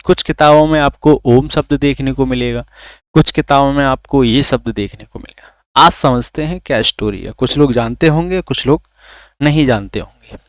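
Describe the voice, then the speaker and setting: एक आदमी, जो रिकॉर्ड की गई ऑनलाइन क्लास पढ़ाता है, खुद सवाल पूछकर खुद जवाब देता है और स्वरों को खींचकर बोलता है।. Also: male voice, medium pitch, no room sound, studio quality. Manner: asks questions then answers them himself; drags out vowels to demonstrate. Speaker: teacher. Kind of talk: recorded online lesson.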